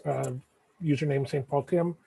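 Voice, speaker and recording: A man from Minnesota introduces himself in a relaxed, halting way. His voice is gravelly and raspy. He sounds a little far from his microphone. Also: fairly high pitch. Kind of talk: online meeting introduction.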